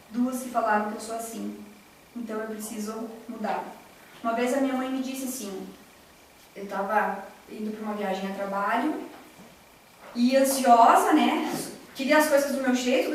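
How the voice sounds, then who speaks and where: A woman's voice: high-pitched, a little hiss or hum. A woman giving an earnest spiritual lecture at a spiritist center, telling personal stories and speaking directly to her audience. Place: large echoey hall, recorded from afar. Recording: very echoey distant hall recording.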